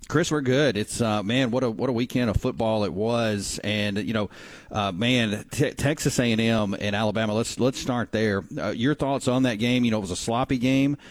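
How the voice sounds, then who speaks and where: A man's voice: on the low side, moderate pace, no echo. A man hosting conversational sports talk on radio, close on a studio microphone. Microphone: dry studio microphone.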